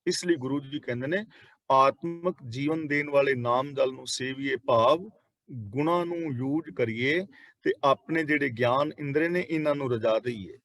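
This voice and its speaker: A man with a Punjabi accent giving a line-by-line commentary on Sikh scripture, repeating each verse and slowing down to explain it. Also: mid-range voice, fairly bright tone.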